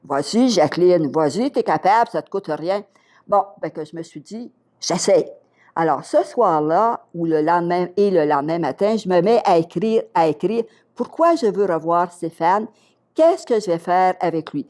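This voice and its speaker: Older lady w/ a québécois accent, retired teacher spinning a yarn, slightly low voice, acts out all the dialogue. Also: normal speed. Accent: Québécois French. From Quebec. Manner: lively storyteller, acts out dialogue. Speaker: interview guest, retired teacher. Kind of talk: storytelling in an interview.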